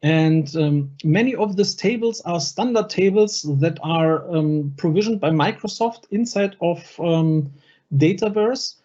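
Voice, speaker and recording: A presenter at an online user group event giving a live software demonstration, talking through each click step by step over a video call microphone. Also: medium pitch, a little slow, dull audio.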